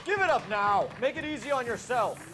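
An actor playing a stern, commanding 1940s police officer in a video game. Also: male voice, very high voice, expressive, moderate pace. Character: stern 1940s cop ordering suspects to surrender. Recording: game music over voice.

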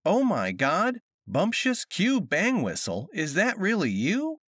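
A man reading an audiobook, voicing a loud, piercing shopping bag lady who wails and clings. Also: medium pitch, sing-song, moderate pace, dry recording, studio quality. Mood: shrieking. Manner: wailing, overly familiar.

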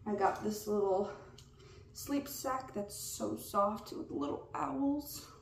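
A woman's voice: mid-range voice, vocal fry, recorded from a distance. A young pregnant woman showing her baby shower gifts in a casual vlog, a little out of breath. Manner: slow, unhurried show-and-tell of items. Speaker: vlogger. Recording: roomy, off-mic with background noise.

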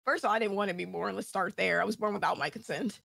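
A woman's voice: medium pitch, fairly even intonation, fast, vocal fry, fairly bright tone, no echo. A woman guest chatting casually, rambling and hesitant with a self-deprecating humor. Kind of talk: casual chat.

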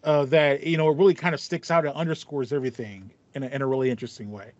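A fast-talking podcast host in his thirties chats casually, thinking aloud and repeating phrases, in a mid-range, slightly mellow voice with a steady tone. He's recording indoors in a small home room with foam panels. The sound has no echo and a dull, lo-fi voice-call character.

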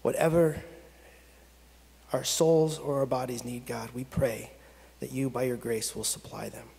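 Slow-praying pastor in a reverberant sanctuary. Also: male voice, mid-range voice, fairly even intonation, vocal fry, darkish tone. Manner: slow, measured prayer cadence with long pauses. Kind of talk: pastoral prayer and scripture reading. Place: church sanctuary at a pulpit. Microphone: pulpit gooseneck microphone. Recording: long reverb of a church sanctuary.

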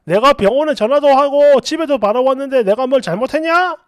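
A woman's voice: high-pitched, animated, a little fast, dry recording, studio quality. A woman voicing a drunk, belligerent husband who snaps and curses with a slurring, irritable manner.

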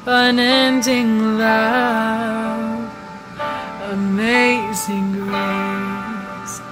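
A young woman singing a hymn at home in slow, drawn-out phrases into a close webcam. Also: on the high side, flat delivery. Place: living room at home. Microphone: webcam or phone at close range. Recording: home recording over loud backing music.

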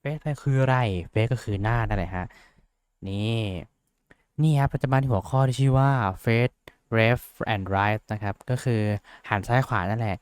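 Chatty young man, smooth and dry. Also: medium pitch, a little slow, no room sound. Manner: rambling, self-mocking, chatty with fillers. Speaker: VTuber tutorial host. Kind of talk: casual screen-share tutorial.

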